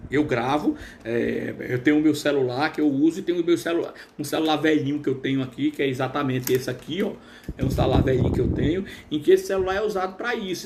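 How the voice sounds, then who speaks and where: A man talks casually to his live stream viewers in a slightly high voice that has been trained to sound smooth. He is chatty and full of fillers, and a clear hum of noise sits under him. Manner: chatty, reads viewer comments aloud with many fillers. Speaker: live stream host, therapist.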